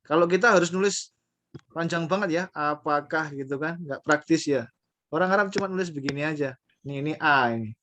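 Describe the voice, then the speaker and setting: Male language teacher, slightly high voice, patient drill leader, casual online class. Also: bright, forceful tone, slight background noise. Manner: patient, repeats phrases slowly for learners to copy.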